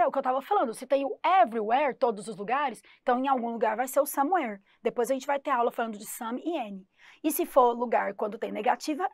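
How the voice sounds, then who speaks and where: A woman English teacher from Brazil giving a lively exam-prep lesson, stressing English words slowly and clearly. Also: a little high, no room sound, studio quality.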